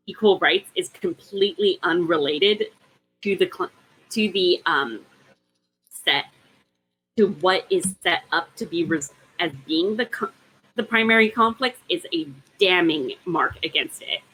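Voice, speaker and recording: Lower-voiced woman arguing a point. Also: unhurried, sharp tone, slight background noise, rough recording. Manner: analytical, argues at length with many ums. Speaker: podcast co-host. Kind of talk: casual book discussion.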